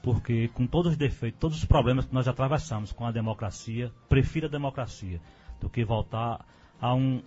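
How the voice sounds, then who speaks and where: A man stating his position firmly and at a measured pace as a guest on a radio debate. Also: mid-range voice, a little mellow, faint music behind. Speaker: guest commentator. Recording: dull lo-fi radio studio sound.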